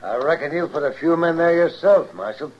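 An actor playing a surly, menacing American cowboy in a radio western, mouthy and taunting in frontier talk. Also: male voice, fairly high pitch, lively intonation, a little fast, darkish tone. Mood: bitter. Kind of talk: old-time radio western acting. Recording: muffled, slightly noisy old radio recording.

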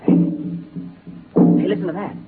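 A man plays a brash, cocky male explorer in a 1930s radio comedy, firing off wisecracks and puns with light acting at a moderate pace. The tinny lo-fi broadcast sound includes a studio audience and soft background music as the comic lead.

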